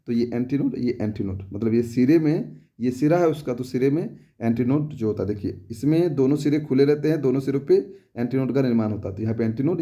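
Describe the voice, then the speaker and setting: Teaching an exam-prep class, a young adult man speaks in a mid-range voice with a dark tone. His style is casual and repetitive, leaning on homely examples and rhetorical check-ins about whether students have understood.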